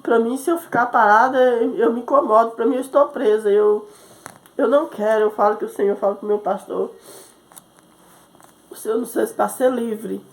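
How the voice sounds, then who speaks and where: With a highish, steady voice at a moderate pace, a missionary woman preaches her personal testimony. She acts out what the people in her account said and frequently adds "né?".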